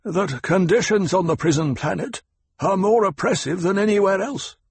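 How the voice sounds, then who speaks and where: A man's voice: high-pitched, moderate pace, husky, dry recording, pitched above the performer's own voice, full character voice. A man voicing an old, shrewd male Mentat advisor who speaks sharply and scornfully. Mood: cold, cutting. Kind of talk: audiobook character voice.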